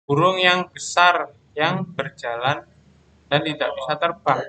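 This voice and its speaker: A man teaching a primary school class online, explaining slowly and patiently, often pausing on "ya" and "terus". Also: on the high side, bright, forceful tone, a little hiss or hum.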